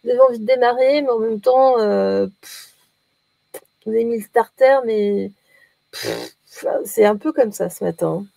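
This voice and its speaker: A woman's voice: a little high, a little fast, vocal fry, hardly any pauses, warm tone, dry recording. A woman giving a casual daily oracle card reading, chatty and playful, often hesitating as she talks.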